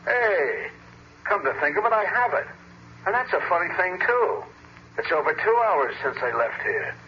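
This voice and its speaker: A man playing a gruff, informal police sergeant in an old-time radio mystery, talking bluntly. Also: high voice, very animated, moderate pace. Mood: suspicious. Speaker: actor in a radio detective drama. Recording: muffled, noisy vintage radio recording.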